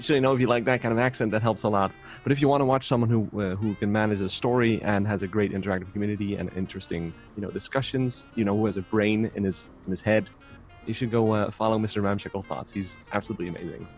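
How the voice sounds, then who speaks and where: A man's voice: on the low side, fast, faint music behind. A man streamer on a podcast, recommending a friend in a hesitant way with many fillers. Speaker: streamer and caster. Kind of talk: casual podcast chat.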